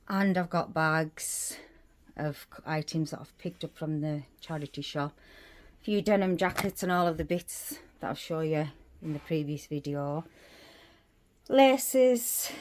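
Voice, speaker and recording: A woman's voice: fairly low pitch, darkish tone. A woman giving a casual tour of her craft room, rambling as she lists her supplies, a little out of breath. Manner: chatty, rambling, listing items as she goes. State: slightly out of breath. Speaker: crafting vlogger. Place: small craft room indoors.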